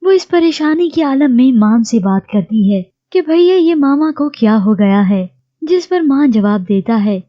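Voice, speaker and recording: A woman narrating a recap of a TV drama in a steady storytelling read. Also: high-pitched, measured pace, muffled recording.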